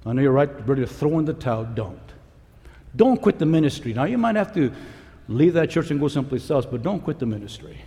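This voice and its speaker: Fiery male preacher at a conference, lively high voice, long hall reverb. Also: fairly quick. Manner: animated, swings between shouting and hushed pleading. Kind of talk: conference sermon.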